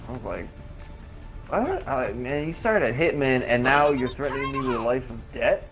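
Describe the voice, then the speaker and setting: Music plays underneath as a mid-pitched male streamer spins an animated personal story at a moderate pace while gaming. He's slangy and profane, acting out what people said in dialogue, in a casual chatty tone.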